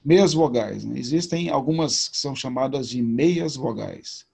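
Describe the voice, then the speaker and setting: A man's voice: mid-range voice, unhurried, gravelly, a little mellow, husky. A man teaching a recorded video lesson, explaining patiently and informally with repetition. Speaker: Hebrew teacher.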